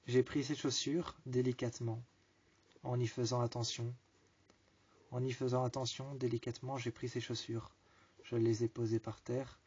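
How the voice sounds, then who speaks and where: A man tells a first-person story in a dark, husky, flat voice. He restates each line in slow, repetitive phrasing. The recording is dull and lo-fi. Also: mid-range voice.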